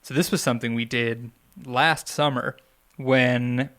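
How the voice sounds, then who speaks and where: Unhurried and clean-toned, this man has a medium-pitched, fairly bright voice with fairly even intonation. As a podcast co-host in a casual chat, he tells meandering stories heavy with fillers.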